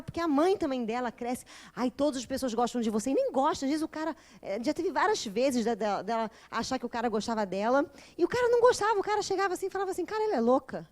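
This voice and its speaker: A Brazilian woman with a Brazilian Portuguese accent giving an informal, humorous classroom lecture, acting out the voices of the people in her stories. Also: sits high. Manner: animated and humorous, acts out quoted voices. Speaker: lecturer of a spiritist psychology course.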